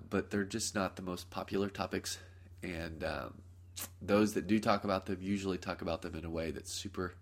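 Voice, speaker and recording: Nasal man with a head cold. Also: sits low. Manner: rambling, self-correcting, fillers. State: congested from a cold. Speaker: podcast host. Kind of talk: casual solo podcast teaching. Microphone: close podcast mic.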